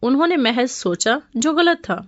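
A woman's voice: sits high, expressive, no echo. A woman playing a daughter who questions and reasons in a scripted dialogue drama. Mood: reasoning. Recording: muffled lo-fi dry audio.

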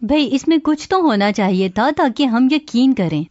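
A woman's voice: on the high side, expressive, a little mellow, dry recording, natural voice. A woman in a scripted dialogue drama who doubts the stories and asks questions. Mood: skeptical. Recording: muffled lo-fi dry audio.

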